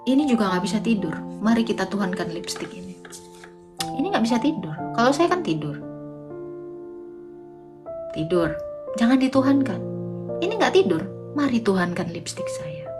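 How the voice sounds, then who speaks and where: A woman's voice: medium pitch, sing-song, moderate pace, long pauses. A woman hosting a casual livestream debate, teasing and mocking viewers with sing-song rhetorical questions. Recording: music playing behind the voice.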